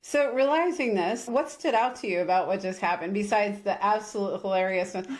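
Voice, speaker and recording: A woman coaching host on a podcast, talking with bright enthusiasm and giggling. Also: mid-range voice, brisk. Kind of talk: casual podcast chat.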